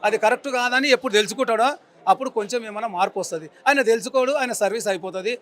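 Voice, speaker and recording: A man's voice: very high-pitched, rapid-fire, a bit bright. A man in his forties with a Telangana Telugu accent, angrily and emphatically ranting in a street interview and repeating his insults. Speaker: member of the public interviewed.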